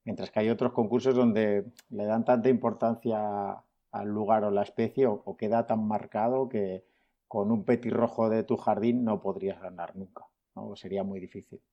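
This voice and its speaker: A man's voice: on the low side, steady tone, normal speed, highs cut off. A man being interviewed as a nature photographer, talking in a chatty, good-humoured way. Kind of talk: casual interview.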